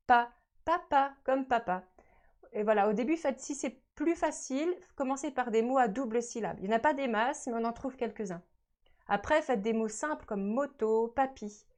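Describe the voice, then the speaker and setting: A woman with a slightly high voice leads an instructional webinar. She talks patiently and explains things step by step. She often circles back to repeat the main points. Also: a little mellow. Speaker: webinar presenter on early reading.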